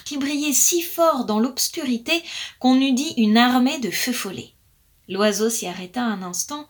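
Woman storyteller, fairly high voice, expressive tale narration recorded at home. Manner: expressive, measured.

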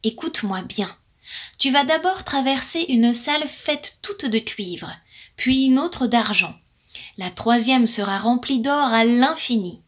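Woman voicing a knowing storybook magpie, confiding and cautionary. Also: on the high side. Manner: confiding, warning. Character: wise, cautious female magpie.

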